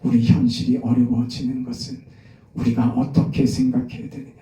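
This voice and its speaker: A male pastor preaching a sermon with passion, dropping to a hush and then rising to a loud, urgent voice, recorded in a church. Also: medium pitch, sing-song, normal speed, slight background noise. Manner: impassioned preaching, swings from hushed to loud. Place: church sanctuary. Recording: echoey church from a distance.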